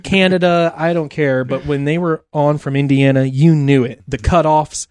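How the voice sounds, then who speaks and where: Animated man telling stories, dry mic. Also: a little high, moderate pace, smooth, no room sound. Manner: animated storyteller. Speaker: podcast guest. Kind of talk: casual podcast chat.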